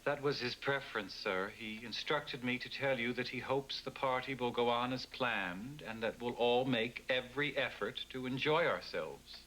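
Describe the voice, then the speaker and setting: A man's voice: mid-range voice, moderate pace, few pauses, a bit bright, a little hiss or hum, natural voice, poor audio. An actor playing a formal, loyal male household servant in a 1980s sitcom, precise and dryly ironic.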